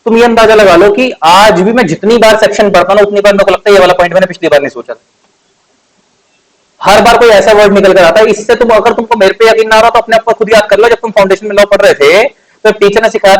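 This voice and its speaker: A man in his 20s with a high-pitched voice teaches law in a chatty, conversational lecture, caught on a low-quality recording. He questions the class, poses rhetorical questions, and stretches out key words.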